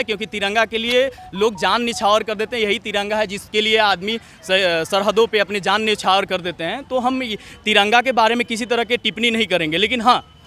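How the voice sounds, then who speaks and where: In a street interview, a young student leader from Jharkhand, India answers with earnest, opinionated, repetitive remarks phrased like a speech. His voice is high-pitched and sharp.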